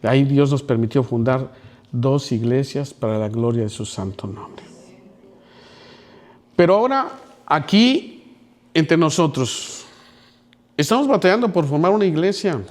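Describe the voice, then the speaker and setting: A man preaching a sermon, telling a story with sudden drops to a hush and climbs to loud pleading. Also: medium pitch, lively intonation, unhurried, long pauses. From Mexico. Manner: dramatic storytelling with wide swings from near whispers to loud pleading. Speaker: pastor.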